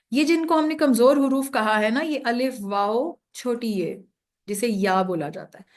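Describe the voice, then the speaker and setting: A woman teaches a beginners' grammar class online, her voice sitting a little higher than usual. She explains step by step with patience, mixes English words into her talk and keeps asking whether everyone is following. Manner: patient explaining, often checks understanding with a tag question; mixes English terms into Urdu speech.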